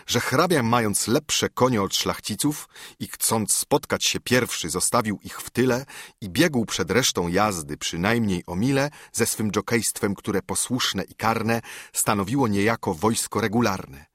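Husky man reciting epic verse. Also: on the low side, fairly bright tone, no echo, studio quality. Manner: measured, rhythmic verse reading. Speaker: narrator.

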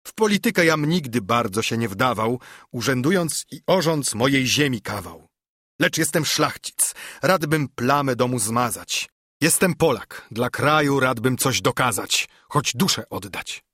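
A man's voice: medium pitch, fairly bright tone, dry recording, clean studio sound, voice pushed up. A man voicing a proud older nobleman judge in a dignified audiobook verse reading. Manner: dignified, declaiming.

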